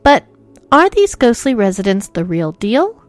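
A woman's voice: on the high side, big pitch swings, a little slow. Theatrical woman horror host over music. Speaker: host of a ghost-story podcast. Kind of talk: scripted spooky narration.

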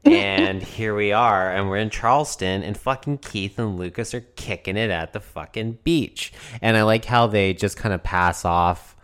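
A man's voice: lowish voice, normal speed, hardly any pauses, clean tone. A man co-hosting a podcast, swearing often and joking in casual chat. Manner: profane, joking, animated. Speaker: podcast co-host.

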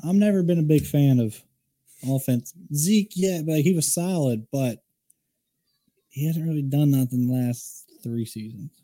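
A man's voice: a little high, a little slow, dark tone. A man co-hosting a casual sports chat, rambling and opinionated, restarting his sentences often. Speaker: podcast co-host.

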